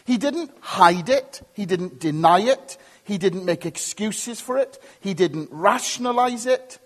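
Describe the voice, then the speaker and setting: Husky animated preacher in a reverberant church. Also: male voice, sits high, unhurried. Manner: emphatic and repetitive, punchy short phrases; conversational asides to the congregation. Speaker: pastor. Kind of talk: sermon.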